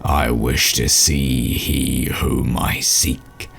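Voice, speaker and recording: An actor playing a grandiose, smug alien occult warlord in a cartoon, with a deep gravelly voice and a pompous, ceremonious delivery. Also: male voice, little pitch movement, very slow, a bit bright, slight background noise, exaggerated voice. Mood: incantatory.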